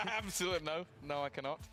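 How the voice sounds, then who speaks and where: A man casting esports, riffing in relaxed, self-deprecating banter at a studio desk. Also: a little high, normal speed, soft background music. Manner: laid-back, self-deprecating, chuckling. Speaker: esports caster.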